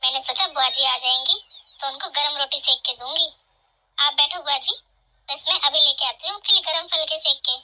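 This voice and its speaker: Woman doing a sweet young bahu, gentle and pleading, high very bright voice, cartoon family drama. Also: normal speed, low-quality recording. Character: kind, caring young daughter-in-law. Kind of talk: animated family drama voice acting.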